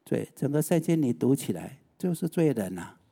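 A man's voice: medium pitch, big pitch swings, moderate pace, creaky, dark tone. A male preacher, giving a sermon and often putting rhetorical questions to the listeners.

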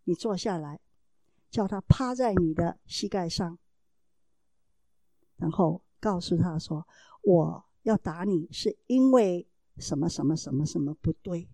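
A woman's voice: on the low side, animated, a little slow, pauses often, dark tone, no room sound. A mother giving a talk to parents, telling a family story in an earnest, explaining way and acting out the dialogue in changing voices.

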